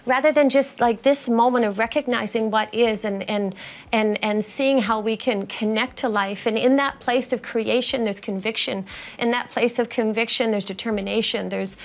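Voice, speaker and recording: A woman giving a reflective inspirational talk in earnest, halting, abstract phrases. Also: fairly high pitch, steady tone. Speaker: co-speaker.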